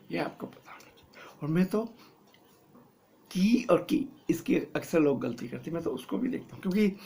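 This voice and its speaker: Casting: older acting teacher in his sixties, gravelly voice, fairly high pitch, playful. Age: 60s. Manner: lively, playful explanations. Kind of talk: teaching lesson to camera.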